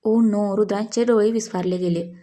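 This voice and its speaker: Brief: female storyteller, slow calm narration, mellow tone. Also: mid-range voice. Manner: slow, calm, even reading.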